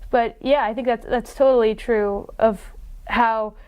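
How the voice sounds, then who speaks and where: A young woman co-hosts a music podcast in a chatty, agreeable way. She uses "like" often and keeps agreeing with her partner, and her voice sits a little high. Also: fairly even intonation, unhurried, darkish tone, clean tone. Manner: chatty, lots of "like" and agreeing "yeah". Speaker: podcast co-host. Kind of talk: casual music podcast chat.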